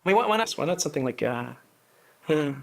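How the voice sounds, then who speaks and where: A man performing a satirical comedy sketch with a mock-earnest, sarcastic delivery. His voice sits a touch higher than most men's, and he keeps slipping into laughter. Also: sing-song, very fast, vocal fry, fairly bright tone.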